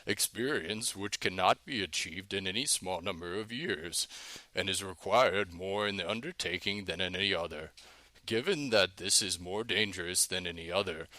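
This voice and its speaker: A man's voice: deep voice, normal speed, sharp tone, dry recording. A man putting on the voice of an old male Renaissance fencing master, reading a formal, archaic text aloud. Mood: stately.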